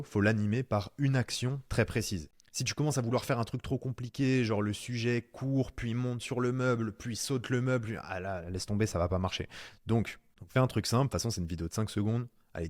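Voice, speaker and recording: Laid-back french guy walking you through a screen tutorial, lowish voice, dry close sound. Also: dry recording. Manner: chatty, addresses viewer as "tu", slangy. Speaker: online course instructor. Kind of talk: casual screen-recorded tutorial.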